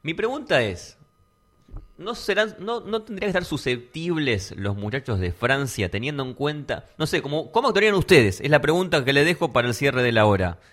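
A man with an Argentine accent hosting a casual sports radio chat, relaxed and musing, posing questions to his panel. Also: mid-range voice, fairly quick. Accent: Argentine Spanish. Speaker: radio show host.

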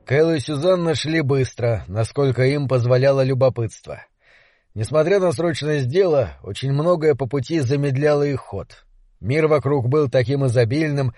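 Man reading a fantasy audiobook, slightly high voice, steady, dry. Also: no room sound. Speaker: audiobook narrator. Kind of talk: scripted narration.

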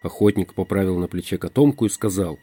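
A man narrating an audiobook in an expressive storytelling manner. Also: sits low, fast, slightly rough, no room sound. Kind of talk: scripted narration.

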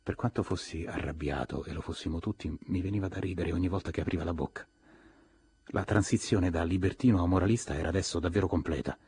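A man's voice: low-pitched, fast talker, a little mellow, breathy edge. A man reading a novel aloud as an audiobook, acting out the characters' lines with a raised voice. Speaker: audiobook narrator.

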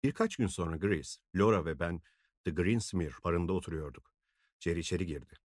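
A man reading a novel aloud as an audiobook narrator, in an even, unhurried way. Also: low-pitched, no echo, studio quality.

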